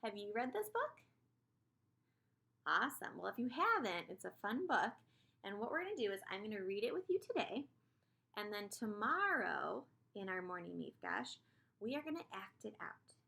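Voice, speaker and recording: A woman preschool teacher leading young children through a morning lesson, speaking in a measured, encouraging way as if teaching a child to count. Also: mid-range voice, very animated, gravelly, pushed and bright.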